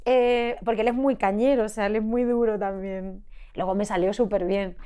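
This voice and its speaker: A young woman from Spain, a singer being interviewed on a podcast, telling stories in an animated, laughing way. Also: medium pitch, normal speed, clear, resonant tone. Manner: animated storytelling with frequent laughter. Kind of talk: casual interview chat.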